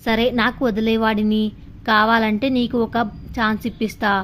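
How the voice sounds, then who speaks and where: A haughty rich young bully, voiced by a woman storyteller, sneers and threatens in a spoken story. The voice sits a little high, mocking and cruel. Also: little pitch movement, moderate pace, fairly bright tone, a little hiss or hum, lightly acted. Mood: taunting. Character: arrogant rich young woman, a bullying senior medical student.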